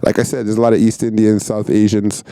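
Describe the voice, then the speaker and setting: A man's voice: lowish voice, little pitch movement, quick pace, gravelly, dark tone, clean tone, no echo. A man hosting a reaction video, commenting casually on clips with jokes and slang. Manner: joking, laughing, slangy.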